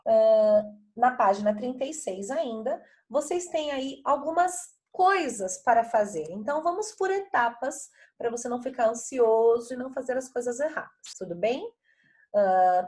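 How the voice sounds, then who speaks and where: A middle-aged Brazilian woman with a slightly high voice teaches a video lesson, going through workbook tasks step by step. She talks in a patient, chatty way and keeps asking whether her pupils are following.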